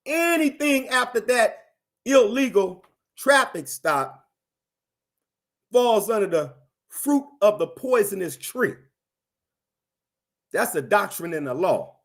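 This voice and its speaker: A man with a high-pitched voice delivers animated commentary to his viewers. He is emphatic and insistent, circling back to the same phrases to drive each point home. His energy stays up throughout. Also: slow pace, long pauses. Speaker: commentator on a livestream.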